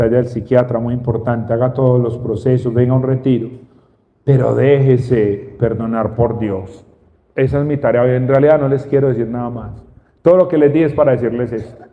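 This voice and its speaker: Male preacher, slow and emphatic delivery, booming hall, lo-fi capture. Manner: slow, emphatic, with repeated phrases. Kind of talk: sermon. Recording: dull sound, long reverb in a hall.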